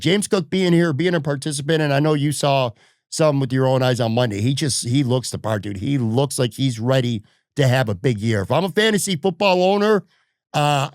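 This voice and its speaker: A man's voice: medium pitch, animated, normal speed, no room sound, studio quality. A man hosting a sports podcast, talking bluntly and heatedly in casual chat, swearing freely. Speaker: podcast host.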